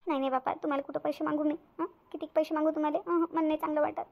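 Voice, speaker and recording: A woman plays a sly, whiny young wife in a cartoon, her high voice edged with gravel as she pleads and wheedles. She rattles her lines off at a brisk clip. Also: little pitch movement, lo-fi sound. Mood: wheedling. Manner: wheedling, fake-tearful pleading. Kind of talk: cartoon voice acting.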